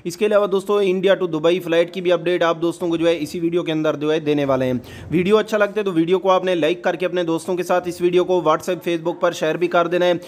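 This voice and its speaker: A man with a high-pitched voice presents breaking news updates as a channel host. He narrates item by item, often addressing his viewers as friends and repeating filler phrases. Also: steady tone, quick pace.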